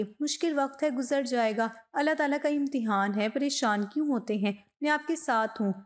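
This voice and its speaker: A woman's voice: a little high, close to an everyday voice. A woman voicing a chatty, cheeky and loving young bride in a narrated storybook voice-over. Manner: chatty, playful and affectionate.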